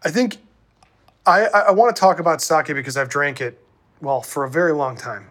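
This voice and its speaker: A man's voice: fairly high pitch, moderate pace, fairly bright tone. Chatty male host from the Midwest. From American Midwest. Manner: chatty, tangents, stammering restarts. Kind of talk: conversational interview.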